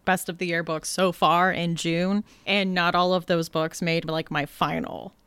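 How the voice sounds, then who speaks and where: Woman podcast host, casual, says like a lot, lowish smooth voice. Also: level tone, a little slow, a bit bright, no room sound. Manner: casual, filler-heavy, uses "like" a lot.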